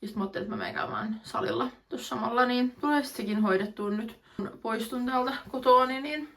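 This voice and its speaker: A woman's voice: a little high, fairly bright tone. A young woman in her twenties, casually vlogging to a phone camera at home, chatty and upbeat with lots of fillers. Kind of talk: casual vlog chat to camera. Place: at home, indoors.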